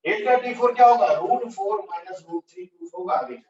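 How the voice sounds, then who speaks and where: A man's voice: high-pitched, lively intonation, fairly quick, a little mellow. A man teaching a physics lesson, working through steps at a board, thinking aloud, correcting himself and checking with the class. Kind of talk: explaining at a whiteboard. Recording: echoey, distant, dull lo-fi room sound.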